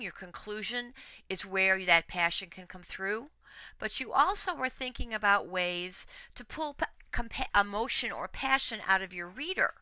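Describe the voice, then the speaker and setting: Bright, crisp-voiced woman teaching writing. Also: medium pitch, no room sound, poor audio. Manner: conversational, with fillers and self-corrections. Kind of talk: recorded classroom lecture.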